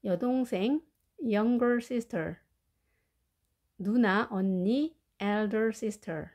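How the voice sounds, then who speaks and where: A woman with Korean as her first language, teaching English family words and slowly drilling their pronunciation. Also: mid-range voice, a little mellow. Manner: slow, careful pronunciation drills. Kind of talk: vocabulary lesson.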